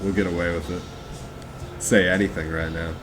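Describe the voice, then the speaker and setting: A man's voice: low voice, flat delivery, moderate pace. A man co-hosting a podcast, laid-back and teasing in casual chat. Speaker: podcast co-host.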